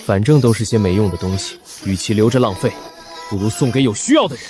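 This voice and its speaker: An actor playing a brash modern warehouse boss in a drama, bewildered but decisive, with blunt, colloquial speech. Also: male voice, on the low side, expressive, quick pace, music in the background, natural voice. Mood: thoughtful. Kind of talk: scripted drama acting.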